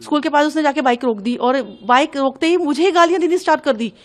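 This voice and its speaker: A young woman giving an urgent, agitated account of an incident to a news reporter. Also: sits high. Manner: urgent, agitated, hurried retelling. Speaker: interviewee recounting an incident. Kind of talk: emotional news testimony.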